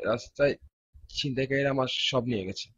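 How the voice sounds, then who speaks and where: A man's voice: medium pitch, quick pace, husky, dull audio, lightly acted. A man playing a hapless TV reporter. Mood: flustered. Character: hapless male TV reporter, flustered.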